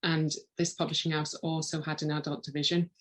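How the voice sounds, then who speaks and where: A middle-aged woman speaks. Her pitch stays fairly level as she recounts her working life in an interview, in the manner of a podcast guest. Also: little pitch movement, fairly quick. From Galway, west of Ireland. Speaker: literary agent, podcast guest. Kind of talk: interview answers, personal career storytelling.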